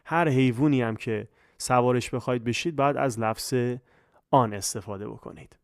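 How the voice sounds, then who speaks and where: A man's voice: medium pitch, creaky, no echo. Male English tutor with a Persian accent, patient explainer, dry close recording. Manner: repeats check questions, slows down for English examples. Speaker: English teacher. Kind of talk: grammar lesson in Persian.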